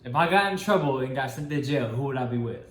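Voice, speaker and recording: A man's voice: mid-range voice, animated, fast talker, a bit bright. An American man in his twenties chatting casually and informally as co-host of a couple's Q&A. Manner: informal, slangy. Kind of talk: casual chat. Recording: roomy echo, faint background noise.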